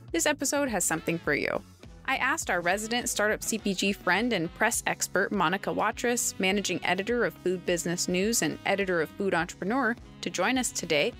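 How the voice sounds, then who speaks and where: A woman's voice: medium pitch, a bit bright. A woman hosting a podcast, reading an upbeat scripted intro and then chatting with guests. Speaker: podcast host.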